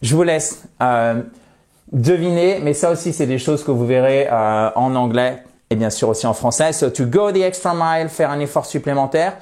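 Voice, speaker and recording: A man whose first language is French teaching English expressions, friendly and explanatory, slowing down to model English pronunciation. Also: medium pitch, a little mellow.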